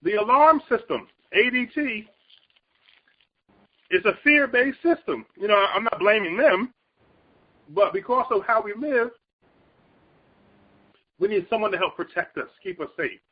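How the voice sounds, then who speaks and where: In a muffled, lo-fi recording, a high, husky-voiced man gives a sincere, easygoing Bible lesson. He talks a little slowly with frequent pauses, but quickens and lifts his pitch to make a point.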